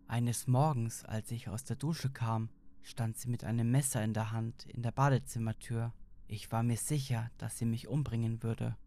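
A man reading a first-person creepypasta horror story in a steady, tense storytelling manner. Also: mid-range voice.

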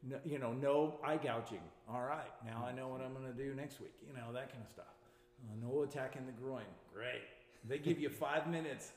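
A man's voice: mid-range voice, moderate pace. A man, a martial arts instructor, explaining his art confidently in a casual interview and laughing easily. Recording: echoey room with long reverb.

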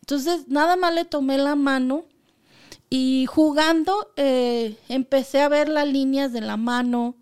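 A woman's voice: sits high, a little slow. A woman, a medium guesting on a podcast, telling personal stories and acting out the dialogue. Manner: animated, acts out quoted dialogue. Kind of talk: conversational storytelling.

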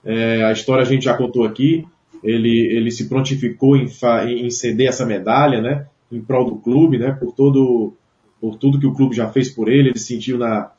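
A Brazilian man casually hosting a sports radio show, talking unscripted in a halting way with repeated words. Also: mid-range voice, fairly even intonation, mellow. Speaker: host of a football club radio show. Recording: dull, echoey web radio sound.

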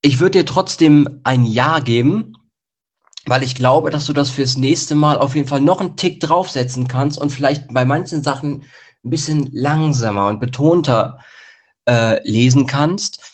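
A man on a talent jury offers feedback in a middle-pitched voice. He rambles and hesitates, circling back on his points. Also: measured pace. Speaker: jury member. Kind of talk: giving feedback.

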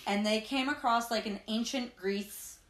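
A woman co-hosting a casual chat, telling stories with lively energy. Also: a little high, a little slow. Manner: animated, laughing storyteller. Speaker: podcast co-host. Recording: echoey room.

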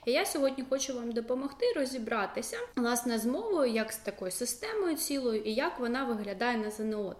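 A young woman teacher talks through her lesson in a loose, chatty way, with plenty of fillers and side remarks. Her voice sits a little high, and the room gives it a noticeable echo. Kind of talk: casual explanatory lesson.

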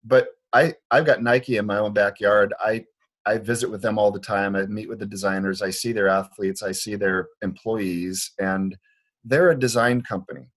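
At a moderate pace and in a steady, lowish voice, a Liberian man who treats feet explains his opinions. The setting is a conversational interview at a Portland, Oregon clinic, and he speaks earnestly and casually, often beginning sentences again.

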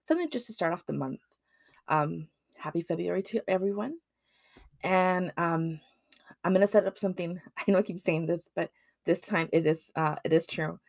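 A woman's voice: lowish voice, moderate pace, vocal fry, a little mellow, dry recording, studio quality. A woman hosting a solo podcast in casual chat, rambling with many ums and restarts. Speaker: podcast host.

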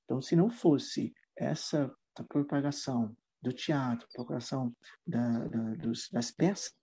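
Husky, mellow-voiced man explaining. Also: medium pitch, unhurried. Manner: thoughtful, explaining at length with frequent tag questions. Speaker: English teacher. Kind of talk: interview conversation.

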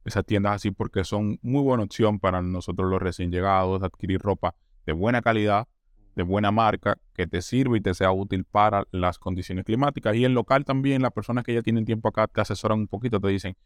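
The low-side voice of a Colombian newcomer comes through brisk and talkative in a casual interview, with clean studio sound and no echo. He often restarts his words and voices the people he quotes.

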